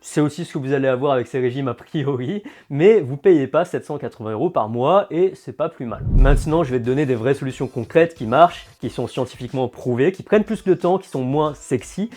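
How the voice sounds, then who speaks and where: Lively man explaining diet myths. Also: mid-range voice, fairly quick, hardly any pauses. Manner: lively, direct, sarcastic asides. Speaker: fitness and nutrition coach. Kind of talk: casual explainer vlog.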